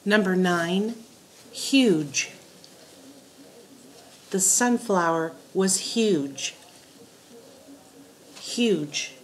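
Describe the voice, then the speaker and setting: A woman teacher dictating spelling words and sentences in a deliberate way, setting words apart and repeating them. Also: medium pitch, a little hiss or hum. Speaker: teacher giving a spelling test.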